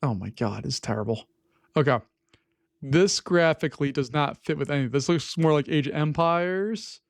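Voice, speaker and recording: A man's voice: a little high, moderate pace, no room sound, studio quality. A man hosting a gameplay video, thinking aloud in casual commentary, wry and easily exasperated. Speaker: gaming host.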